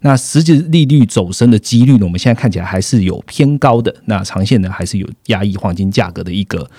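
A man hosting a finance talk show, summing up points in a steady way with short affirming replies. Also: on the low side, fast talker, husky, no room sound, studio quality. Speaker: host.

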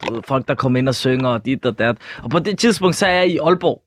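A man co-hosting a casual talk show, telling his side of the story with excited slangy banter. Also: mid-range voice, a little hiss or hum. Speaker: podcast co-host. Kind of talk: casual chat.

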